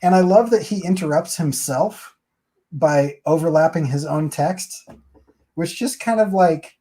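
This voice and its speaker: A man's voice: fairly high pitch, measured pace, warm tone. A man hosting a comic book review, chatting casually and rambling as he walks through the story page by page. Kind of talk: casual chat.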